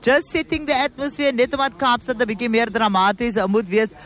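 A woman's voice: on the high side, fairly even intonation, a little fast. A woman with a Cape Town South African accent hosts a live radio outside broadcast in a chatty, conversational way, switching between languages. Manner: switches between English and Afrikaans. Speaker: radio host. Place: outdoor live broadcast at a city square.

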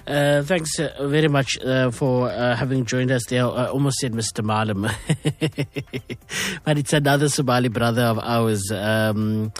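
A man's voice: medium pitch, a little slow, dry recording. South African man, radio host, casual with filler words. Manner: conversational, with many fillers. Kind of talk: radio call-in show.

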